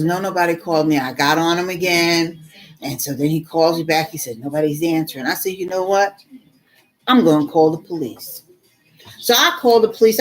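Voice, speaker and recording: A middle-aged woman telling a story casually to her viewers, animated and exasperated, calling the listener "girl". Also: fairly low pitch. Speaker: vlogger.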